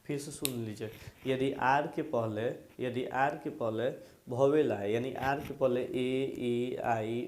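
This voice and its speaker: Male grammar teacher, unhurried and repetitive, quizzes the class and drills by call-and-response, echoey room. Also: medium pitch. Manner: repetitive drilling, quizzing students and having them repeat after him. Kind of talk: classroom lesson explaining grammar.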